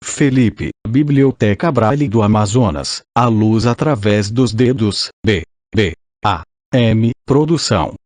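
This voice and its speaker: This audiobook of a formal text is read by a synthetic male voice from an old speech synthesizer, Brazilian-accented and mechanical, even voicing the punctuation aloud. It sits on the low side, expressive yet darkish in tone, at a slow pace in a dry recording.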